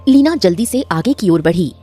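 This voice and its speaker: Lively woman narrating a cartoon story. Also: medium pitch, moderate pace, faint music behind. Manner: expressive storyteller.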